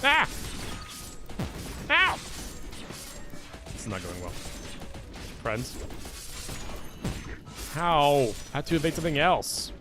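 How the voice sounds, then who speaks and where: A man giving animated live gameplay commentary as a streamer, who keeps addressing his viewers as friends. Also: on the high side, slow, long pauses, over music. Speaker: gaming streamer.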